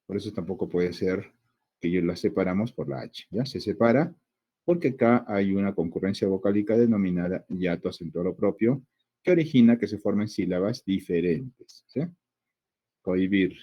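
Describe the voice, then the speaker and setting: A male teacher with a Peruvian Spanish accent explains a grammar lesson step by step. His voice sits low and dark with a husky grain. He keeps checking in with short questions and stretches words out slowly to sound them out.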